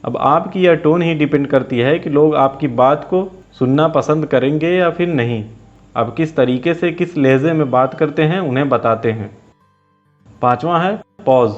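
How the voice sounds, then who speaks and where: A man giving a scripted explainer lesson in a steady, even lecture delivery. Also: a little high. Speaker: teacher. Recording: dull lo-fi voice-over with faint music.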